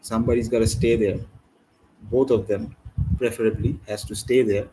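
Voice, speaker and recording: A man hosting a live cricket watchalong, rambling and chatty with slang and sudden excited bursts over the play. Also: on the low side, normal speed, slight background noise, rough recording. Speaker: watchalong host. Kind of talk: casual live cricket commentary.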